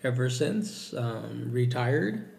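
Slow, gravelly older man. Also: medium pitch, very animated, darkish tone. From Bronx and Southern California. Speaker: podcast guest. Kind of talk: casual family chat. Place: kitchen table at home. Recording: echoey room, noticeable background noise.

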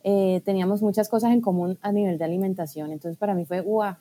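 A woman from Colombia, a guest talking through her story in a thoughtful, hesitant way with pauses. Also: medium pitch, steady tone, mellow, slight background noise. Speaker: guest, food scientist and blogger. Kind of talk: casual podcast conversation.

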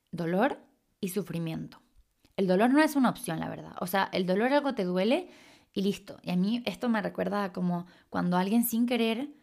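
Young woman coach rambling on her podcast, lowish voice with lots of fry, super casual, says o sea a lot. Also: darkish tone. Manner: casual, loose, full of "o sea" and "como" fillers. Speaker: life coach, podcast host. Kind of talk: reflective podcast monologue.

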